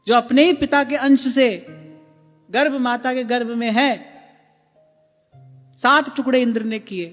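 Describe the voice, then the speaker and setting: A man giving a gentle devotional discourse, often repeating himself and putting questions to his listeners. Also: extremely high pitch. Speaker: spiritual discourse speaker. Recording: long hall reverb with faint music.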